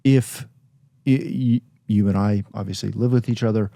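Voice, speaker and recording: Blunt man with a mellow voice. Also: lowish voice, fairly even intonation, moderate pace, creaky, no room sound. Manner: blunt, plainspoken, self-deprecating. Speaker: podcast co-host. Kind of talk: casual conversational podcast.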